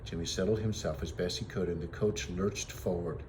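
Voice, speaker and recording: This is a fairly low-voiced man at normal speed, reading a children's story the way a teacher would. He tells it with plenty of expression, over a faint background of noise.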